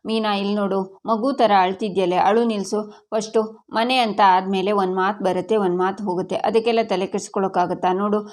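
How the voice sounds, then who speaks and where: A woman voicing a devoted young husband who comforts and pleads gently. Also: mid-range voice, close to an everyday voice.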